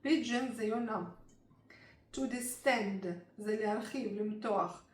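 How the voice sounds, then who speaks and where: A woman, a Hebrew speaker, teaching English vocabulary and reading a story aloud in a brisk, word-by-word way. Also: fairly high pitch. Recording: roomy, distant mic, faint noise.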